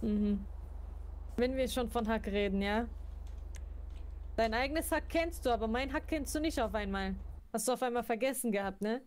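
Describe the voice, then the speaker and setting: A woman's voice: on the high side, normal speed, pauses often, a little mellow. A woman chatting in character in a role-play, teasing and sarcastic.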